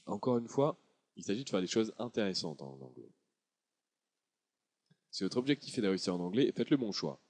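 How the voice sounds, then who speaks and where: A man reading a scripted promotional voice-over about his own book, in a steady, measured delivery. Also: fairly low pitch. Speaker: author presenting his book.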